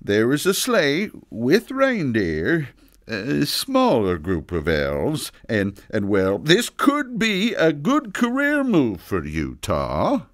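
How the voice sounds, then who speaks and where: A man playing Santa as an earnest, flustered older father who speaks haltingly in a children's audio story. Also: medium pitch, huge pitch swings, dry recording, studio quality. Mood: decisive, coaxing. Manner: halting, emotional, deliberate pauses.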